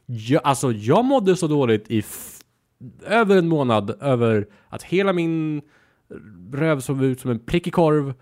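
A man's voice: fairly high pitch, big pitch swings, a little mellow. A man co-hosting a podcast, chatting casually, teasing and giggly, candid about awkward topics. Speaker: podcast co-host. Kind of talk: casual chat.

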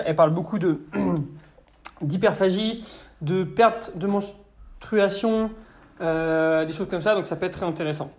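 A young man hosts a casual solo podcast and works through listener questions. His voice sits high for a man. He talks in a relaxed, hesitant way, full of fillers and restarts.

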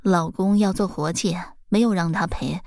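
Woman doing a weak young mother, hoarse, pleading, raised pitch, storybook voice. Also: moderate pace, a little mellow, no room sound, clean studio sound, close to an everyday voice. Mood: gentle, weak.

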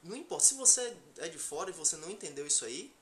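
A Brazilian man with a Bahian Salvador accent hosts a casual, joking podcast chat. His voice is bright and swings animatedly up and down. He leans on street slang and swearing, with some noise behind him. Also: fairly high pitch, very animated, rapid-fire. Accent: Brazilian Portuguese, Bahian from Salvador. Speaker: podcast host.

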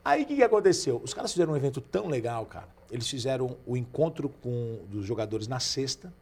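A Brazilian podcast guest in his forties chats casually at a quick pace in a medium-pitched voice. He tells lively anecdotes and acts out the voices of the people in them.

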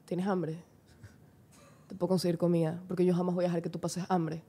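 A woman putting on a smooth, coaxing seducer who drops her voice low and speaks in a hush, offering to look after a date. The put-on voice sits well beneath a naturally high register. It is a playful bit inside a casual podcast chat. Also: level tone, brisk. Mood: seductive. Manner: low, hushed, coaxing delivery.

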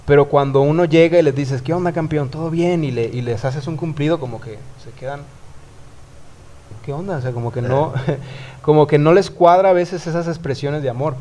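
This youth worker has a Mexican accent and a fairly high, dark-toned voice, and he speaks fairly quickly. On a casual podcast he talks about faith in an earnest, reflective way, often restarting his sentences. There's a little hiss or hum in the recording.

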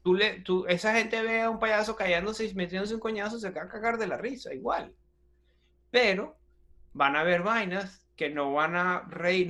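A man's voice: high-pitched, bright, forceful tone. A man from Venezuela with a Venezuelan accent, a comedian chatting in an interview, telling stories animatedly with slang and frequent restarts. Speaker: comedian guest. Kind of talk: casual interview chat.

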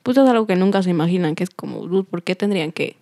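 A woman's voice: on the low side, animated, quick pace, mellow, no room sound, clean studio sound. A young woman chatting casually, laughing often and dropping English slang into her talk. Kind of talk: casual chat.

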